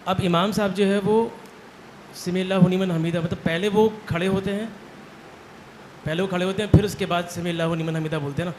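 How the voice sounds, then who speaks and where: A man's voice: high voice, fairly even intonation, a little hiss or hum. A man with a Pakistani Urdu accent asking a question hesitantly and repeating himself.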